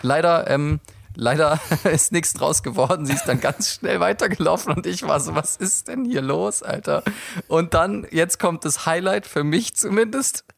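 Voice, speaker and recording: Animated young man telling a story. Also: a little high, normal speed, gravelly, no room sound. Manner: animated, laughs often, acts out quoted people. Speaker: podcast co-host telling a story. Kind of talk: casual chat, storytelling.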